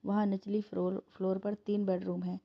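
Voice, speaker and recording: A woman's voice: mid-range voice, flat delivery, normal speed, creaky. Sangram, an earnest young husband, read by a woman. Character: young husband, caring expectant father. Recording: dull lo-fi recording.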